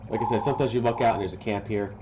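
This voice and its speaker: A man casually narrating a game walkthrough, explaining each step to viewers in a relaxed, instructive way. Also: fairly low pitch, rapid-fire, noisy background. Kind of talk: casual gameplay tutorial narration.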